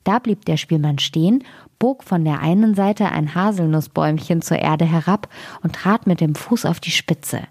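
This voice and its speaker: A woman reads a fairy tale aloud for a radio station's podcast. Her voice is lowish, and she keeps a calm, even storytelling pace. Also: moderate pace, breathy edge.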